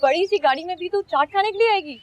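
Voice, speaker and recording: Boastful, smitten young friend. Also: female voice, very high-pitched, quick pace, a little mellow. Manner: bragging, dreamy. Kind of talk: TV drama acting.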